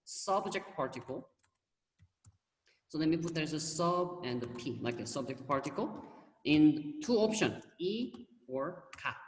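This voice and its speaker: A man's voice: a little high, recorded from a distance. Male language teacher, Korean accent, video call, patient explainer; roomy echo, long tail. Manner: patient, explains with repeated examples and frequent "yeah" and "okay". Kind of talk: online class teaching.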